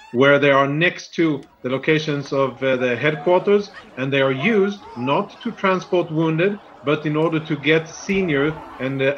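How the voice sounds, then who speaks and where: A man speaking as a military spokesman in a live news interview, firm, deliberate and defensive, over a band-limited remote link. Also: on the high side, a bit bright, highs cut off.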